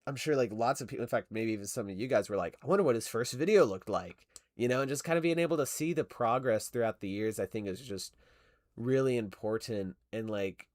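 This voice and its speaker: A young man animates stop-motion on stream and talks casually with his chat, rambling, laughing often, and stumbling through fillers and self-corrections. His medium-pitched voice is a little mellow and a little fast, captured dry at studio quality.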